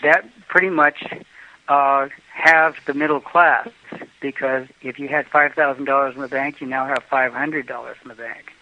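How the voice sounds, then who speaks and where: An older American man, appearing as a travel guest in a casual interview, rambles through his travel stories with lots of fillers and restarts. His voice sits in the mid range, with a steady tone and a moderate pace. The podcast audio is dull and lo-fi.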